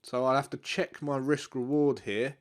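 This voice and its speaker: Sounding bunged up with a stuffy nose, a man with a mid-range voice explains trading charts at a moderate pace during a live market analysis. The forex educator is relaxed and unscripted, often stopping to repeat himself and leaning on fillers.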